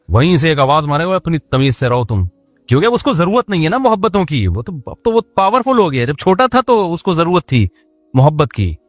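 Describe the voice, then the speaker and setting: A man's voice: a little high, no room sound. A man giving a sermon in a conversational tone, joking and speaking straight to his listeners. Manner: conversational, jokes and asides to listeners. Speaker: Islamic preacher.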